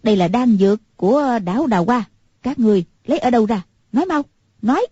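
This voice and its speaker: A woman's voice: a little high, lively intonation, moderate pace, mellow, slightly rough, no room sound. A woman voicing a bitter, eerie older recluse who speaks harshly and grimly. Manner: harsh and grim. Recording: muffled lo-fi recording.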